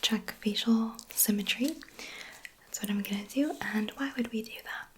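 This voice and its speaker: A woman doing a whispered role-play as a medical examiner, gently giving step-by-step instructions and reassurance in an ASMR style. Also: on the high side, normal speed, slight background noise.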